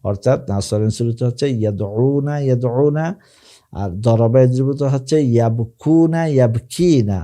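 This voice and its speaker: A man's voice: medium pitch, a little fast, dark tone. A man teaching a recorded Arabic grammar lesson, patiently explaining and then chanting verb forms in rhythmic repetition. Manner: explains patiently with fillers and restarts.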